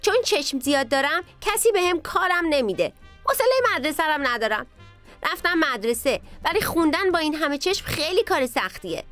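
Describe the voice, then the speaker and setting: A woman's voice: high voice, animated, fairly bright tone, faint music behind, voice pushed up. A woman voicing a grumpy, impatient potato creature in a children's story, bossy and exasperated.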